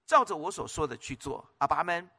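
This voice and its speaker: A male pastor delivers a sermon in a high, bright voice that swoops up and down. He presses his points hard, repeats words and keeps asking the congregation questions. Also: sing-song, fast.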